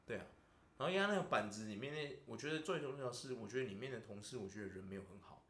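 A man's voice: mid-range voice, expressive, fast, a bit bright. A man with a Taiwanese Mandarin accent, hosting a podcast and venting in casual chat, constantly asking "you know?". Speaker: podcast host. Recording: roomy echo.

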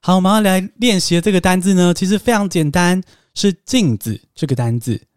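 A man hosts a podcast lesson on English pronunciation, explaining patiently and slowing down for emphatic asides. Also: high-pitched, clean tone, no room sound, studio quality. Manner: patient and coaxing, drops to slow emphatic asides.

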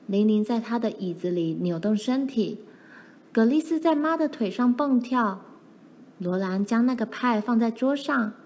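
Woman reading a storybook aloud. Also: fairly high pitch.

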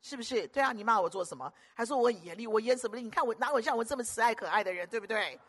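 A woman's voice: a little high, racing, fairly bright tone, breathy edge. An older woman preaching a sermon, emphatic, repeating phrases in lists and putting questions to the audience.

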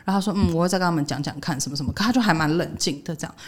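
Fast-talking woman telling a story. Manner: animated retelling, voicing others' quotes with jumps in pitch. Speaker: podcast co-host. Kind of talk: casual storytelling chat.

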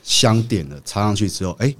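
A man's voice: lowish voice, brisk. A man, a podcast guest telling a story in casual chat and acting out the quotes. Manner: animated storyteller, acts out quotes.

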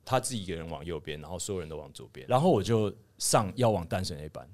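A man's voice: low voice, big pitch swings, fast talker, a little mellow. A young man with a Taiwanese Mandarin accent, a podcast co-host telling a long story in casual chat, rambling and sheepish, with many restarts.

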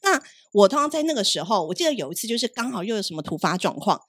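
Quick, lively woman telling stories. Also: medium pitch, breathy edge, no echo, studio quality. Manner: storytelling, acts out quoted voices. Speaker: podcast co-host. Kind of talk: casual chat.

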